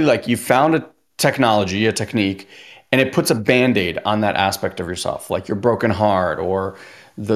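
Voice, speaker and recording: A man hosting a podcast in casual talk, chatty, saying "like" often and acting out little quotes. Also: fairly low pitch. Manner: chatty, says "like" a lot, acts out quotes. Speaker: podcast host.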